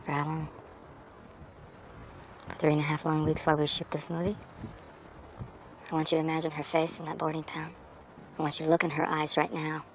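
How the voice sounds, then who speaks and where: An actress playing an intense, coaxing acting coach. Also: female voice, low-pitched, completely flat delivery, a little fast, long pauses, a little hiss or hum. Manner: coaxing, theatrical, mimics a cat. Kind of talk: film comedy acting.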